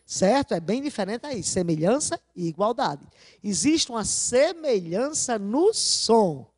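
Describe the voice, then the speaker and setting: A woman teacher going over exam answers in a video lesson, often asking her class rhetorical questions and slowly stressing key words. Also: medium pitch, a little mellow, no room sound, studio quality.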